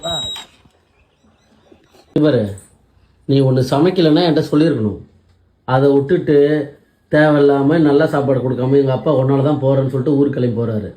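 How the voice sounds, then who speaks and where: A man's voice: medium pitch, brisk, long pauses, warm tone. A man arguing with his wife at home in an insistent, scolding way, repeating his points. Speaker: husband in a couple skit. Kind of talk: casual domestic argument. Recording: echoey room.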